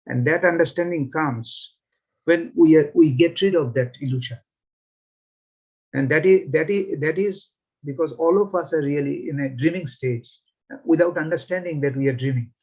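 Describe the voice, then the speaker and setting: A man's voice: on the high side, a little mellow, breathy edge, rough recording. A man in a class audience thanking the speaker and earnestly explaining a devotional point. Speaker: class attendee commenting. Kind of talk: devotional comment.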